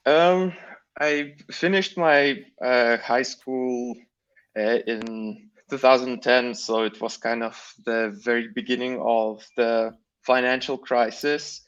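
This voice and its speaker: Slow, hesitant man from Lithuania. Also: mid-range voice, steady tone, a bit bright, smooth, highs cut off. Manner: hesitant, many fillers. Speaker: guest. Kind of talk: live online interview.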